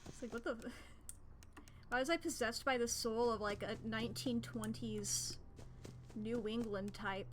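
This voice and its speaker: A woman's voice: a little high, measured pace, long pauses. A woman doing live commentary on a horror game as a streamer, complaining and swearing freely as she plays. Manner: profane, complaining, ranting.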